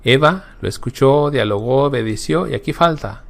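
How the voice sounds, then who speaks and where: Gravelly man teaching a Bible class. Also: medium pitch, lively intonation, normal speed. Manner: emphatic, repeats words for stress, checks in with "¿sí?". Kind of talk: recorded Bible class lecture.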